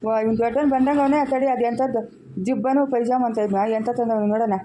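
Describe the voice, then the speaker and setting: A woman's voice: fairly high pitch, steady tone, fast talker, dark tone, a little hiss or hum, natural voice. A woman playing a scolding, exasperated elderly village mother, speaking in a comedy skit. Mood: demanding.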